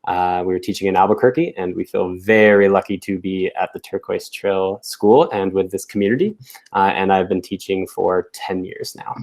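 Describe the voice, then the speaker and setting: A man's voice: deep voice, fairly even intonation, normal speed, darkish tone. A man from Connecticut, a teacher introducing staff at a school meeting on a video call, friendly with frequent fillers. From Connecticut, USA.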